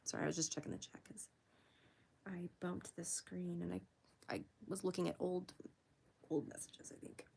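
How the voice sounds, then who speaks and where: A woman's voice: fairly even intonation, moderate pace, gravelly, pauses often, warm tone, in a whisper. Giggly woman chatting while she draws. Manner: chatty and giggly, greets viewers in a high voice. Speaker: art livestream host. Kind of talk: casual livestream chat while drawing.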